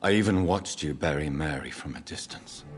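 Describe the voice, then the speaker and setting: A man's voice: a bass voice, normal speed, soft background music. An actor playing a solemn, guilt-ridden undead son who speaks to his mother in an earnest way. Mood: solemn sorrowful.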